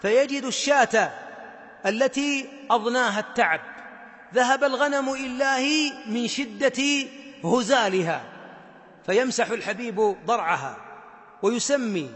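A man's voice: very high-pitched, a little slow, pauses often, a bit bright. A man with a Gulf Arabic accent preaching a sermon with impassioned rhetorical questions to his audience. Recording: long hall reverb.

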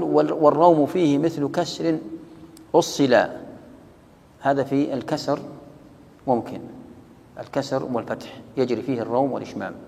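A man teaching the rules of pausing in Quran recitation, explaining a verse text line by line and reciting examples. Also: mid-range voice, gravelly, big-room sound. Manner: quotes verses and recites examples, repeating key words.

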